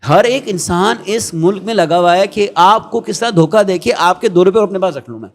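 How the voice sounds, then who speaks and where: A middle-aged man with a Pakistani accent, talking as an interview guest in an earnest, preachy way, often slipping into quoted asides. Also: sits high. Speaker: guest, education founder. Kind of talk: conversational interview.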